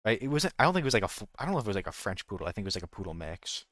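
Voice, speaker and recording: Very animated and rapid-fire, a US game streamer with an American accent chats on a casual livestream, joking, rambling, and often correcting himself mid-thought. His voice is on the low side and a bit bright, with no room sound.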